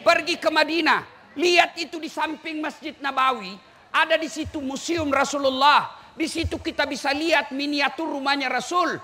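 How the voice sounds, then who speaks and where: A man preaching a lively sermon, teasing and shouting at the crowd. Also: very high-pitched, moderate pace. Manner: teasing, shouting and singing to the audience. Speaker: Islamic preacher. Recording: echoey hall with faint ambience.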